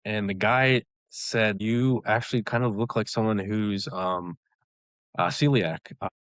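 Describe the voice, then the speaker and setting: A man's voice: on the low side, a little slow, no room sound. Laid-back man telling his story. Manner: relaxed storytelling, many "like" fillers, laughs often. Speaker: guest, elite runner. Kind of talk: casual interview chat.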